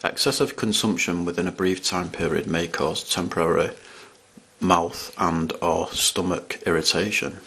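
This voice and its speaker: A man's voice: deep voice, steady tone, a little slow, vocal fry, fairly bright tone. A man chatting casually as he reviews candy on camera, rambling and restarting his sentences. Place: at home in front of a camera.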